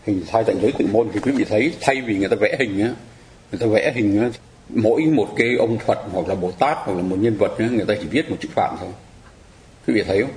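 Low-voiced man teaching a dharma class. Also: a little mellow, roomy sound, rough recording. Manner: patient, explanatory, addresses listeners as "quý vị". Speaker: Buddhist teacher.

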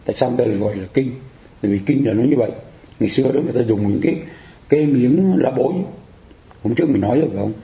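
Gravelly-voiced man giving a dharma lecture. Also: mid-range voice, rapid-fire, dark tone, roomy sound. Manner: explanatory, repeats phrases, asks the audience for agreement. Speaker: Buddhist teacher.

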